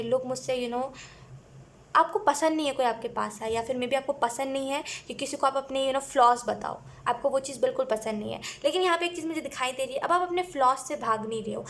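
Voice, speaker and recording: A woman's voice: high-pitched, slight background noise. A woman giving a casual tarot reading, chatty and laughing often, mixing English phrases into her talk. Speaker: tarot reader.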